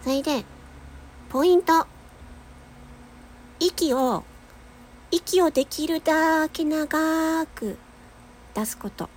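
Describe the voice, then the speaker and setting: Slowly and with long pauses, a young woman with a high, nasal voice leads a laid-back voice lesson for her voice-training podcast. She chats, laughs frequently and sustains long tones as demonstrations, with slight background noise present.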